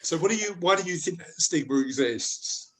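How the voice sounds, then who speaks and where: Male host, slightly high voice, informal interviewing style, matey and conversational. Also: expressive, moderate pace, poor audio. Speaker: host of a business discussion group. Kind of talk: casual chat, interviewing.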